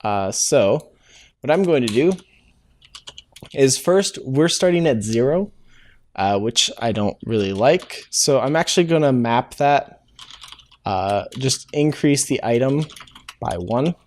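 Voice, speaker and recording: A man with a medium-pitched, expressive voice hosts a casual live-coding tutorial, thinking aloud as he types. He goes slowly, pausing often, with plenty of "uh" fillers and self-corrections. Keyboard typing and clicks sit over slight background noise.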